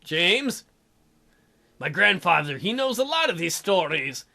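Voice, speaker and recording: A man with a high-pitched, creaky voice hosts a let's play at a measured pace, reading a dating sim's dialogue aloud. He's animated and jokey, cracking crude jokes between the lines and giving the characters shifting voices.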